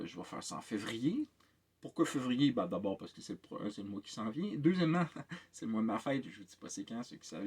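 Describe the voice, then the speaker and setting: In a mid-range voice and a Québécois French accent, a tabletop game master rambles through a casual vlog update. Exhaustion comes through clearly: he hesitates a lot, fills pauses with sounds and repeats words.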